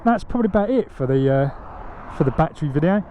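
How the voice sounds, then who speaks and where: High-voiced nasal man over loud traffic noise. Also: animated, fairly quick, phone-quality sound. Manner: informal, rambling explanations. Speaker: host of an e-bike video channel. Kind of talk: casual advice vlog talk. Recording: loud outdoor vehicle and street noise.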